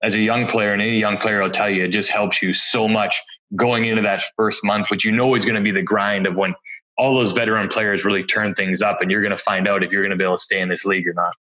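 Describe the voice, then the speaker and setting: Forties male guest, low and bright, relaxed storyteller with dull lo-fi sound. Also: fast talker. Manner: easygoing, reminiscing, chuckles between stories. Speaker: former pro hockey player, podcast guest. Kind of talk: relaxed anecdotal interview storytelling.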